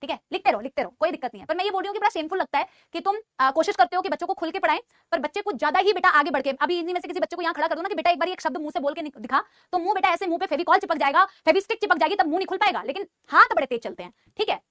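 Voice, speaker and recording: Fast high-voiced woman biology teacher. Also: no echo, clean studio sound. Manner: mixes Hindi and English, calls students "beta"; scolding yet insisting she is calm. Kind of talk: live online class lecture.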